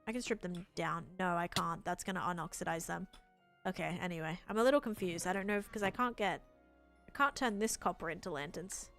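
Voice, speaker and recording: A woman livestreaming a game in casual chat, rambling and thinking aloud as she answers viewers, with expressive jumps in pitch and volume. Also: fairly quick. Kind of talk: casual gameplay stream chat. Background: music.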